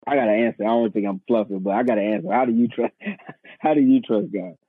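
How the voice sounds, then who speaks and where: A man's voice: lowish voice, quick pace, breathy edge. A man in his thirties, a pastor, telling his story in earnest, casual conversation, often repeating his words and calling the host man or bro. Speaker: pastor, podcast guest. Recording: tinny phone-line sound.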